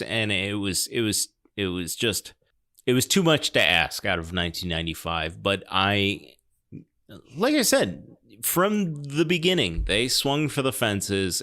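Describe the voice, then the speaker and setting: A podcast commentator chats casually about film in a low, very clean and resonant voice with a bright, forceful tone. He develops his points thoughtfully, pausing and circling back.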